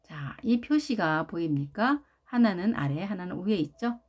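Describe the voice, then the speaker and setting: A woman teaching English words for jobs, who speaks slowly and often starts her phrases with "자" while she drills the stress of each word. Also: on the low side, lively intonation, a little mellow, faint music behind. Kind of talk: slow, careful lesson narration.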